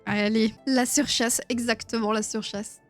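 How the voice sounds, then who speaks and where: A woman in her thirties hosts a live quiz stream, chatting playfully with viewers and giggling often. Her voice is a little high, her tone level, and her pace measured, with faint music in the background.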